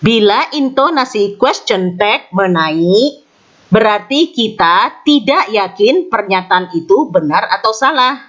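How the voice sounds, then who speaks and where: A woman's voice: medium pitch, expressive, takes it slowly, a bit bright. A woman teaching an English grammar lesson in scripted narration, explaining carefully and repeating example sentences. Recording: slightly dull lo-fi sound.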